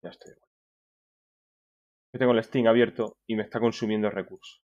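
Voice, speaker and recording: A man's voice: fairly low pitch, steady tone, normal speed, dull audio. A man with a Spain Spanish accent streaming a horror game live, talking to himself, swearing and startling easily. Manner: jumpy, swears often, talks to himself while playing. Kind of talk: live gameplay commentary. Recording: loud background noise.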